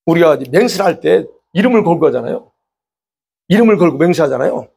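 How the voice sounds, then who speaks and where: A man's voice: a little high, expressive, fast talker, vocal fry, a little mellow, husky. A pastor preaching a sermon, explaining with rhetorical questions, repeating and stressing his points. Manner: emphatic.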